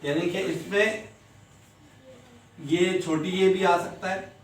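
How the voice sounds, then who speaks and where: Male teacher, unhurried and repetitive, drilling sounds; distant mic, roomy classroom echo. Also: high voice, steady tone, a little hiss or hum. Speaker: English teacher. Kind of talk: classroom lesson. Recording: echoey room, distant mic.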